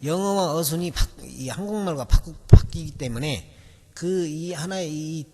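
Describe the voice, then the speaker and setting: A man's voice: a little high, unhurried, a little mellow. A man teaching in a recorded video lecture, explaining patiently and repeating and stretching out key words. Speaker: English memory-method teacher. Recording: long reverb of a hall.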